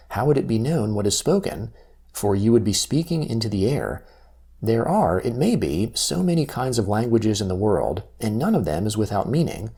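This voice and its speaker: A man reading scripture aloud from a text in a solemn, measured recitation. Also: lowish voice, a little mellow, breathy edge. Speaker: scripture reader.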